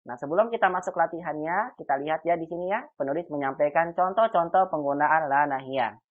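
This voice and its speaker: A man's voice: on the high side, a little fast. A male teacher giving an online Arabic grammar lesson. He is patient and drills each phrase with a rising, emphatic tone. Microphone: video call. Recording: tinny phone-like call audio.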